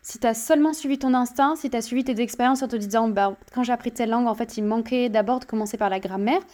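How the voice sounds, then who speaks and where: A woman's voice: on the high side, fast talker, dark tone. A woman hosting a podcast, asking long, flowing questions with enthusiasm. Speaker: podcast host. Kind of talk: interview questions.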